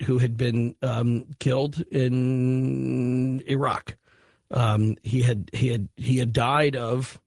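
A man's voice: medium pitch, no echo, studio quality. A man hosting a late-night call-in radio show, talking in a meandering way with many fillers and restarts. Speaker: radio talk show host.

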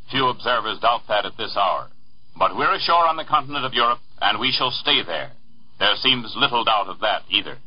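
A man's voice: medium pitch, husky. American man, muffled 1940s newsreel-style radio newscaster. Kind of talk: 1940s wartime radio news bulletin, old newsreel manner.

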